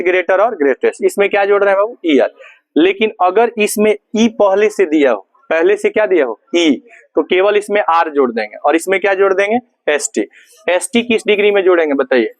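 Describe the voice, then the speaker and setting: High-voiced man drilling a grammar class. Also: dry recording, rough recording. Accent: Bihari Hindi. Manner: drills students with repeated questions and answers. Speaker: English grammar teacher. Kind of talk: classroom lesson.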